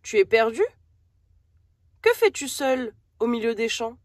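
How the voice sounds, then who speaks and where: A woman's voice: a little high, animated, a little slow, no room sound, studio quality. A woman voicing a friendly, proud young male calf in a storybook, as if reading to a toddler.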